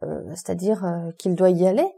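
A woman's voice: fairly low pitch, normal speed, creaky, mellow, breathy edge. A woman reading the part of a terrified, superstitious male steward in an audiobook, pleading in agitated, raised exclamations. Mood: frightened pleading.

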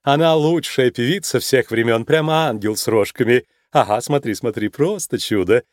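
A man reading a storybook, voicing a chatty, excitable male cheetah police clerk who gushes and giggles. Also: mid-range voice, moderate pace, dry recording, clean studio sound, close to an everyday voice. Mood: gushing.

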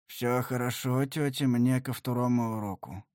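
A man voicing a hoarse young man who mumbles evasively and placatingly, in an audiobook. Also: mid-range voice, fairly even intonation, normal speed, a little mellow, dry recording, studio quality, natural voice. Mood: mumbling.

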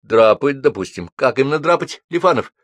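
A mild, flustered lecturer who speaks gently and apologetically, as a male reader plays him. His intonation is lively. The reading is close and dry. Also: mid-range voice, a little fast, no echo, pitched above the performer's own voice, natural voice. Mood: lecturing. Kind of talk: audiobook reading.

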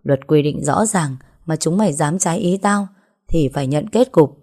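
A woman's voice: low voice, moderate pace, warm tone. Cold old gang boss woman, read by a woman. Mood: cold, stern. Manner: harsh, commanding. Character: cold ruthless older female gang boss.

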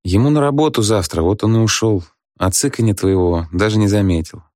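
A meek, evasive husband answers with mild jokes and proverbs, voiced by a man reading the story. The voice is deep and unhurried. It sounds close and dry. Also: darkish tone, dry recording, close to an everyday voice. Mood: placating. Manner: mild, placating, proverb-quoting.

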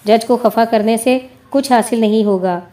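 Woman reading senior male lawyer, dry wit, teasing, measured, mellow, higher voice. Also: close to an everyday voice.

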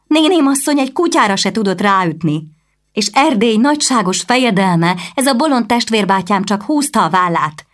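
A woman voicing a fiery fourteen-year-old noble girl, with indignant, fast outbursts, in a storybook reading. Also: medium pitch, pitched above the performer's own voice, close to an everyday voice.

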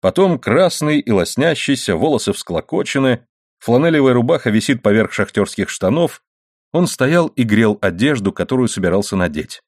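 A man's voice: medium pitch, normal speed, no room sound. Man narrating a novel, dry sound. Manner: steady, even storytelling. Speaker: audiobook narrator.

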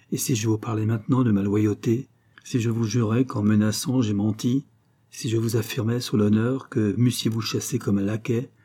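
A man reading the part of an anguished, lovesick young gentleman in an audiobook. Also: medium pitch, breathy edge, close to an everyday voice. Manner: solemn and emotional. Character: young gentleman in love, anguished, stiffly polite.

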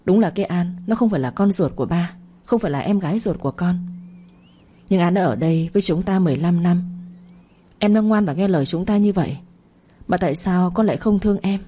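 A woman's voice: lowish voice, fairly quick, warm tone, husky. A woman voicing a stern, angry middle-aged father who scolds and reproaches. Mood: scolding.

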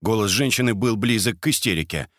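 A man narrating a crime audiobook in a steady, even reading manner. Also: lowish voice, fairly quick, no room sound, clean studio sound.

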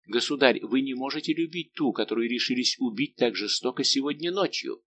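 A man voicing a fragile, heartbroken young woman who pleads softly, in an audiobook. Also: medium pitch, animated, a little fast, a little hiss or hum. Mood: pleading.

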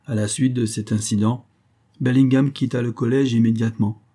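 A man narrating a translated classic short story in a steady, measured way. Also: medium pitch. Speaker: audiobook narrator. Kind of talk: scripted narration.

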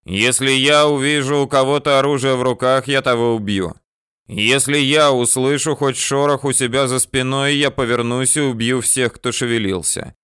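A ruthless gunman, as a male reader plays him laying down loud, deliberate threats, each word spaced out slowly. The voice sounds smooth and close, with no room around it. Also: mid-range voice, animated, no echo, pitched above the performer's own voice. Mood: menacing. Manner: loud, slow, threatening declarations. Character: hard, ruthless gunman, man, calm menace.

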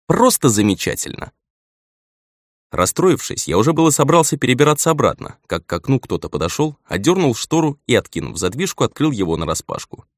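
A man's voice: a little high, no room sound, clean studio sound. A man narrating an audiobook in the first person, with wry, ironic asides.

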